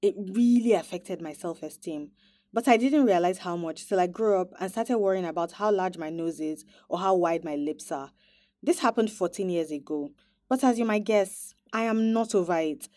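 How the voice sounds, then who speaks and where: A woman hosting a podcast, narrating in a reflective, measured scripted style. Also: mid-range voice, mellow, no room sound. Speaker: podcast host.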